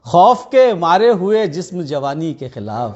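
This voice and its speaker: A man reciting ghazal couplets as a poet at a gathering, declaiming each line deliberately and repeating it for his listeners. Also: on the high side, very animated, darkish tone, dull audio.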